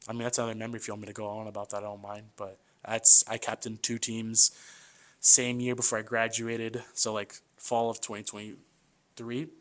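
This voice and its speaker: A brisk, lowish-voiced man in his twenties joins a podcast as a guest for an easygoing chat. He's talkative and loose, often calling the host "man", and tells his stories with energy, acting out the quoted voices.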